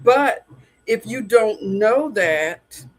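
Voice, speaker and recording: Slow-talking earnest man in his sixties. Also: high voice, animated. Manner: earnest, openly personal. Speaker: podcast host. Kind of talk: casual podcast conversation.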